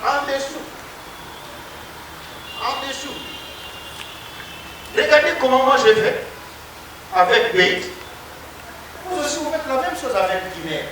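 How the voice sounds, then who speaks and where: Heard from a distance in a noisy, echoing classroom, this Hebrew lecturer from the Democratic Republic of the Congo teaches at a university, repetitively quizzing and coaxing students with prompts. His very high-pitched voice is expressive and a bit bright, moving at normal speed with long pauses.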